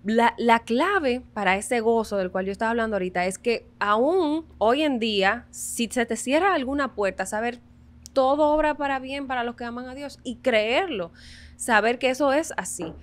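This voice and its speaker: A young woman with a Dominican accent, a guest violinist telling her story in a relaxed interview, animated and earnest, often laughing. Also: a little high, moderate pace. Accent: Dominican Spanish. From Dominican Republic.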